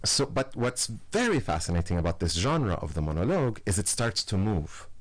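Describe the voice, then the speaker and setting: A guest artist on a radio interview, this man has a low, very animated voice and speaks briskly. He explains at length in long lists, with many fillers and restarts.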